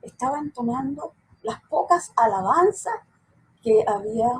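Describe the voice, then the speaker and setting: Breathy Chilean woman sharing a testimony. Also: high voice, lively intonation, a little slow, rough recording. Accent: Chilean Spanish. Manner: heartfelt storytelling, acts out remembered dialogue. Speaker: guest giving testimony.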